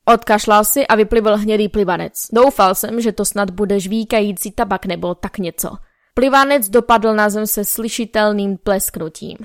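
A woman reading a novel aloud as first-person narrator, in a measured, wry storytelling manner, close to the mic. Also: medium pitch, steady tone, no room sound. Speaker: audiobook narrator.

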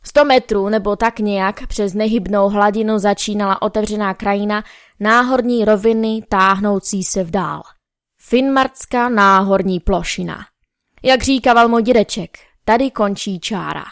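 A woman reading a novel aloud as first-person narrator, in a measured, wry storytelling manner, close to the mic. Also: medium pitch, dry recording. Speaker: audiobook narrator.

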